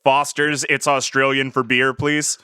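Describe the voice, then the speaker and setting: A man co-hosting a comedy podcast, teasing the others in a lively way. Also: mid-range voice, measured pace, smooth, no echo, clean studio sound. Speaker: podcast co-host. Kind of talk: casual comedic podcast banter.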